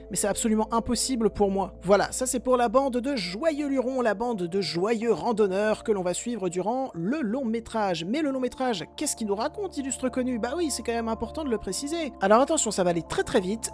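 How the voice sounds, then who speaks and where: A woman's voice: a little high, a little mellow. A woman hosting a casual film review podcast, chatty and talking straight to her listeners with self-mocking asides.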